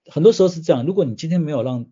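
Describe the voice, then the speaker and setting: A man's voice: a little high, expressive, very fast, mellow, slightly rough. A man, a guest explaining ideas patiently through everyday examples. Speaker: guest, systems change consultant. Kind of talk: explanatory interview answers. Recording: slightly dull audio.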